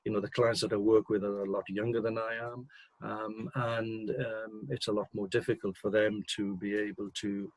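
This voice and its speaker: An older man, a managing director, answering interview questions in a measured, hesitant way, clearing his throat between points. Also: fairly low pitch, level tone, no room sound, low-quality recording.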